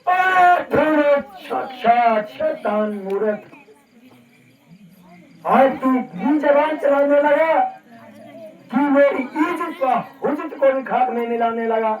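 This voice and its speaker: A furious, boastful warrior sage declaims threats in a very high-pitched voice on a folk theatre stage. The delivery is slow and bombastic, and the sound is echoey and muffled. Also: male voice, recorded from a distance. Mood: furious, threatening. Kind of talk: declamatory Ramleela folk stage acting in rhymed dialogue. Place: stage of a Ramleela club, distant mic.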